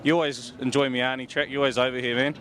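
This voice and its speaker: A man's voice: mid-range voice, little pitch movement, racing, crowd noise. Matey man with a broad Kiwi accent. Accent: New Zealand. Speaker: pit-lane interviewer. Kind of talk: casual interview chat. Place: outdoors in speedway pits. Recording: outdoor recording with faint vehicle noise.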